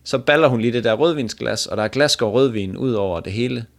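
Man, casual podcast host, mid-pitch, chatty crude storyteller who laughs easily. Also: creaky.

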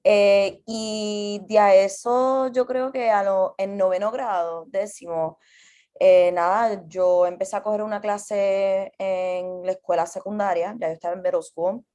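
Relaxed Puerto Rican woman in her twenties. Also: mid-range voice, unhurried. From Puerto Rico. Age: 20s. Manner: relaxed, switches languages within sentences. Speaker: guest artist. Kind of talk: casual podcast interview.

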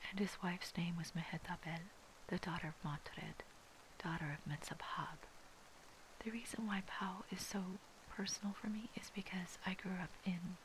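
A person from Hawaii giving a slow, reverent, fully whispered commentary on Bible passages. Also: medium pitch, steady tone, a bit bright, slight background noise, poor audio. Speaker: devotional Bible reader.

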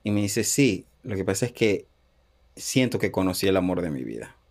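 A Panamanian man in his thirties, speaking as an interview guest in a low, gravelly voice at normal speed, tells a personal story in a casual interview. He's animated, acting out the quoted dialogue and laughing often.

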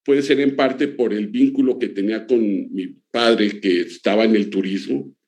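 A man in his sixties, an interview guest, answering in a relaxed, conversational way with frequent pauses. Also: fairly low pitch. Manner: relaxed, many "eh" and "pues" fillers.

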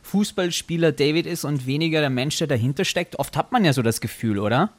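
Curious interviewer, slightly high male voice. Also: animated, brisk. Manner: curious, conversational questions. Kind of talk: casual interview questions.

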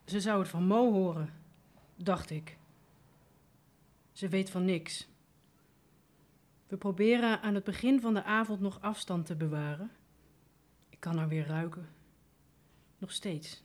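A woman giving a calm, measured first-person dramatic reading of a play text. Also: on the low side. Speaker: reader in a radio play reading.

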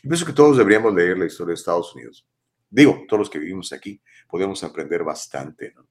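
A Mexican talk show host in his fifties runs a live show, reacting to viewer messages with emphatic rhetorical questions. His voice is low-pitched with lively intonation, and he talks fast.

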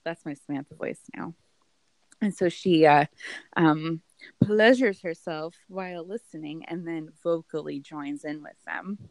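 A woman co-hosting a casual chat, recapping a TV show in an animated, giggly way with some swearing. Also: sits low, unhurried, dry recording. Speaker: podcast co-host.

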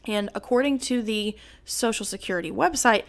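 A woman's voice: medium pitch, moderate pace. A woman hosting a true crime podcast, talking to listeners in an indignant, conversational way with frequent asides. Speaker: podcast host.

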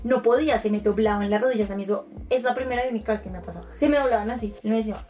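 Expressive woman, a bit distant. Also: a little high, rapid-fire, faint music behind. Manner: expressive storyteller, acts out quotes. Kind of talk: casual chat.

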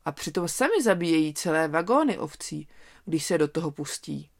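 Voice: medium pitch, very animated, gravelly. A storyteller voicing a cheeky, kind-hearted young male lamb. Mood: eager.

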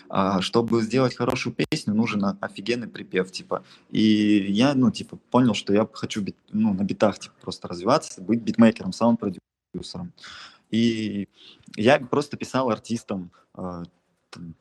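Here the interview guest, a young beatmaker and producer from Altai in Russia, sounds low-pitched, a little mellow, and slightly rough. He rambles casually, drops slang, and frequently abandons a sentence to begin it again.

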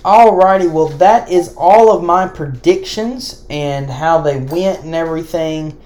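A man's voice: fairly high pitch, unhurried, a little mellow. A man hosting his own sports podcast, talking alone in a hesitant way with many fillers and restarts. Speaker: podcast host. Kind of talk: solo sports podcast talk.

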